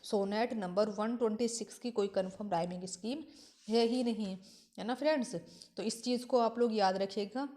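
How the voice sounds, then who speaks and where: A woman's voice: on the high side, mellow. A woman teacher explaining literature for exams, repeating key points and asking and answering her own questions. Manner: reads English verse slowly and haltingly. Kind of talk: exam-prep literature lesson.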